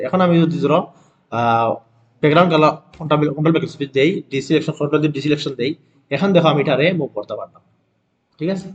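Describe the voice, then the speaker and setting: Rapid-fire man teaching design software. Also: on the high side, highs cut off. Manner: keeps asking students if they follow; repeats steps and self-corrects. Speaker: design instructor. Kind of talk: screen-recorded software tutorial.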